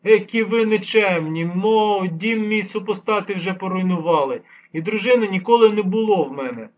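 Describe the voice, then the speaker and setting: A lisping ninety-year-old man, stubborn and teasing, who lectures younger men as if they were children, as an audiobook narrator puts him on. The voice is pitched up and husky, and the recording sounds dull and lo-fi. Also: normal speed. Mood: lecturing, teasing. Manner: mocking, patiently lecturing.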